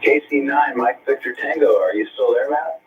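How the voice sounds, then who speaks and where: A man running an amateur radio net, reading call signs phonetically in a relaxed, halting way, heard over a radio link with static. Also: medium pitch, distant mic, narrow, tinny audio, faint music behind. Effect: heard over a shortwave radio link with static. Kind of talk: ham radio net conversation.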